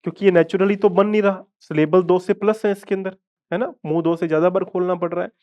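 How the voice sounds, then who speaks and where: A man teaching a live online English grammar class, explaining step by step, repeating words slowly and asking his students whether they follow. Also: high-pitched, fairly even intonation. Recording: dull lo-fi audio.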